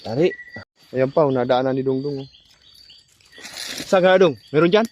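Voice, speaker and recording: A man vlogging outdoors at night among trees, excitedly pointing out finds and directing a companion. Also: medium pitch, moderate pace, highs cut off, a little hiss or hum. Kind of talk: casual outdoor vlog narration.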